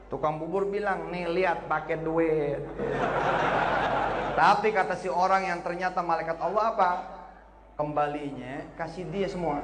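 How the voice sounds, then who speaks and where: A man preaching to a live evening congregation, telling lively jokey stories and acting out every character's lines. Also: a little high, background noise. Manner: lively storytelling, acts out dialogue in voices, joking. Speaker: Islamic preacher. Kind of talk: humorous sermon to a live congregation. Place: evening gathering before an audience. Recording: echoey hall with loud background ambience.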